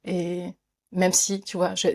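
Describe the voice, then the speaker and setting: A woman's voice: fairly low pitch, completely flat delivery, slow pace. Chatty French woman, many fillers. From France. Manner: thinks aloud with many fillers and restarts, laughs often. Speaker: guest, author and speaker. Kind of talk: conversational interview.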